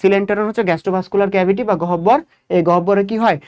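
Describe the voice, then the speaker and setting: A man's voice: sits high, fairly even intonation, rapid-fire, darkish tone, clear, resonant tone, highs cut off. Man quizzing students in a lecture. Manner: asks the class questions, then answers them himself; repeats key points. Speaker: biology teacher. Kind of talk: exam coaching lecture.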